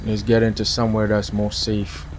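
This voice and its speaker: With a slight hiss or hum in the audio, a Trinidadian streamer with a Trinidadian accent talks at a moderate pace in a low, completely flat voice. He casually commentates his police game stream, chatting with viewers and laughing often.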